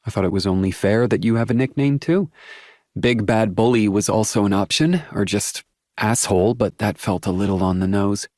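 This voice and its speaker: A man voicing a sharp-tongued, defiant young woman in an audiobook, dry and sarcastic. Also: on the low side, moderate pace, dry recording, voice pushed up, natural voice. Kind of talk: audiobook character voice.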